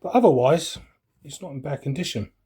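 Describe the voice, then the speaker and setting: A West London hobbyist vlogger in his forties unboxes an item while chatting and reminiscing informally, wandering from thought to thought in a London English accent. His fairly high voice is expressive and a little fast, mellow but slightly rough.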